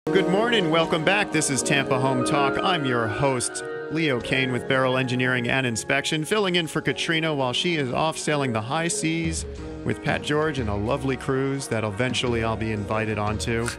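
A man in his thirties hosting a local radio talk show in a small studio, speaking into a studio mic with quick, joking delivery. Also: medium pitch, over music. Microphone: studio mic on boom arm.

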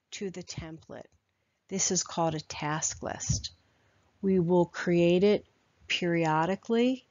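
A woman trainer walking through a screen-recorded software tutorial in a steady, instructional way. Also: lowish voice, no echo, dull audio.

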